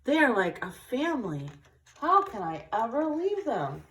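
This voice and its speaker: A woman voicing a kindly, courteous hermit crab in a children's storybook, with gentle exclaiming politeness. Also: fairly high pitch, sing-song, a little slow, slight background noise, voice pushed up. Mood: wistful. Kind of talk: storybook character reading.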